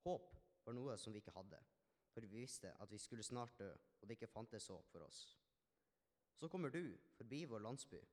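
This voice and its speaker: A man's voice: on the low side, lively intonation, a little mellow, natural voice. A man playing a healed Samaritan leper man, telling his story in an earnest, reflective first-person monologue with small restarts. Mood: somber. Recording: long hall reverb.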